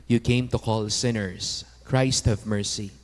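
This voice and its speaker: Low-voiced priest in cathedral echo. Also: male voice, fairly even intonation. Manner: solemn, measured phrasing. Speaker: priest presiding at Mass. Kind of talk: liturgical prayer, formal recitation. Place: large church interior. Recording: long cathedral-like echo of a large church.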